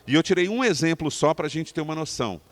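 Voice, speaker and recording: A man with a Brazilian Portuguese accent teaches public speaking to leaders in a live talk to a seated audience. Emphatic and animated, he speaks quickly in a fairly high voice and asks the room questions.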